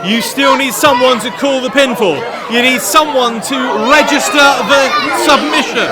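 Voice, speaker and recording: A man giving excited, dramatic play-by-play wrestling commentary with emphatic calls of the action. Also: very high voice, moderate pace. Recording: loud crowd and venue noise. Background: loud live crowd.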